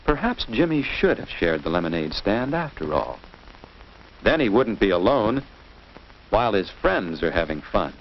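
In a lowish, very animated voice at normal speed, an American man narrates a 1950s instructional film for children, reading didactically from a script and asking his young audience simple questions. The old soundtrack is dull and muffled, with a little hiss or hum.

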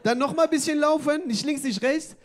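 A man's voice: very high voice, moderate pace, voice pushed up. A man voicing a helpful male passerby who gives directions in simple, repetitive broken German.

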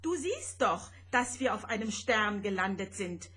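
A woman voicing a grumpy, boyish little spaceship who talks in a gruff, snappish way. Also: mid-range voice, sing-song, measured pace, a bit bright, heavily acted.

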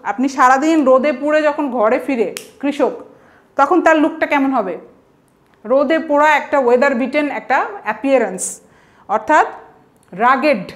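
Speaking at a normal speed in a high register, a woman patiently explains English vocabulary word by word. She drops English example sentences into her lesson as she goes.

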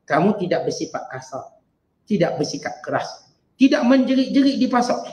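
A man with a Malaysian Malay accent teaching a Quran exegesis lesson, chanting Arabic verses slowly and then explaining them in lively everyday speech. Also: high-pitched, reverberant, low-quality recording. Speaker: religious teacher.

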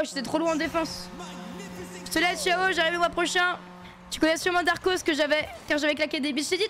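High-voiced woman streaming games. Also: fairly bright tone, slight background noise. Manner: chatty, slangy, talks to chat while playing. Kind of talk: casual gaming stream chat.

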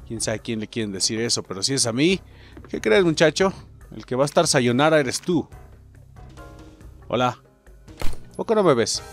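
A young man with a Mexican Spanish accent, commenting on his own gameplay with excitable, profane jokes aimed at his viewers. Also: mid-range voice. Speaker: gaming channel host.

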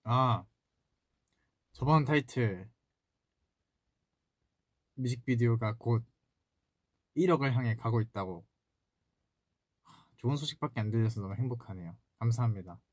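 A man's voice: medium pitch, unhurried, long pauses, no room sound. A young man in his twenties, an idol singer chatting playfully on a solo livestream and answering fan comments from a small room. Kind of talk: casual livestream chat, reading fan comments. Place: small indoor room, seated at a desk.

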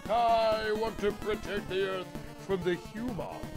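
A man acts out a pompous, scholarly villain from a retro video game. The delivery is slow and theatrical, full of haughty menace, over clearly audible game music. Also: high voice. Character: pompous intellectual villain who despises humans, sitcom-snob psychiatrist impression. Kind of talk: mock-dramatic dubbing of retro game dialogue.

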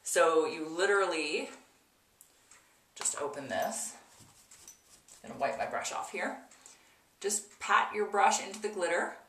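Echoey low-voiced woman in a bathroom. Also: expressive, measured pace, long pauses, fairly bright tone, slight background noise. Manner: emphatic, repeats words for emphasis. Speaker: video host, makeup tutorial presenter. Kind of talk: casual tutorial chat to camera. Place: small indoor bathroom. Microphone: camera mic a little way off. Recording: echoey bathroom, mic at a distance.

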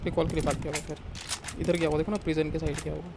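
A fairly high-pitched man talks fast and casually over team voice chat, lecturing his squad about positioning. Gunfire and engine noise from the game sit clearly under his voice. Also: flat delivery. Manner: bossy, lecturing teammates on tactics. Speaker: streamer playing a battle royale game. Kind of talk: casual gaming chat with teammates. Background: game gunfire and vehicle sounds.

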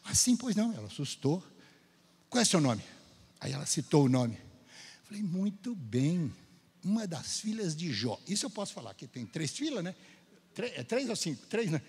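A man from Brazil giving a testimony sermon in a church, his husky, fairly high voice swinging up and down as he acts out each exchange. The long hall reverb of the sanctuary trails behind his words. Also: moderate pace. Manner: storytelling, lively, acts out dialogue. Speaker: Gideon speaker at church.

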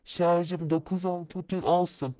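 A woman's voice: level tone, measured pace. A woman vlogger chatting casually to her viewers while she types messages, muttering to herself and breaking into sudden exclamations. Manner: sudden high-pitched exclamations. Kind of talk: casual screen-recorded commentary.

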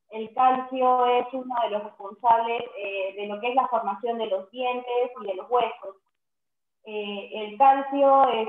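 A woman's voice: a little high, a little hiss or hum. Student, female, online presentation; echo-heavy, phone-thin audio. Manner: reads steadily with many "eh" fillers. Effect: echo on her voice over an online class call. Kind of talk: class presentation. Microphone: video call. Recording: echoey tinny video call audio.

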